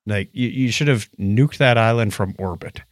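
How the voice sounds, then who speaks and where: A middle-aged host with a fairly low pitch talks at a moderate pace on a casual co-hosted podcast. He tells stories in a lively, playful manner, acting out dialogue and humming, and the studio-quality audio has no room sound.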